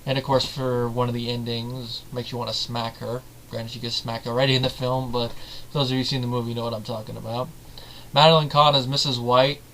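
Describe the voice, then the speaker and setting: A man's voice: mid-range voice, flat delivery, a little fast, a bit bright, slight background noise, low-quality recording. A man giving a casual, rambling film review, often correcting himself mid-sentence. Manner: rambling, self-correcting, chatty.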